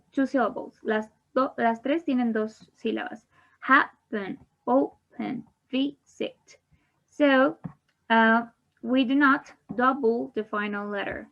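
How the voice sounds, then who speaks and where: A woman teaching an online English grammar class, explaining each rule in English and then again in Spanish. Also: on the high side. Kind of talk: bilingual online grammar lesson. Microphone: online class computer mic. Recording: dull lo-fi online class audio.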